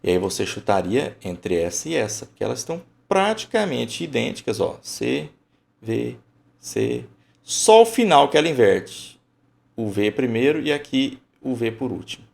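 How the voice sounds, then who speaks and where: A man's voice: medium pitch, very animated, moderate pace, gravelly, darkish tone. A man teaching an online lesson, emphatic and colloquial, thinking aloud as he explains.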